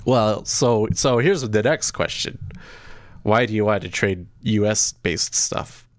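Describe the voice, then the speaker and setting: A man's voice: on the low side, slow, no room sound. A man with a blocked, congested nose after nose surgery, sounding sick as he chats casually while hosting a livestream. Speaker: day trading livestream host.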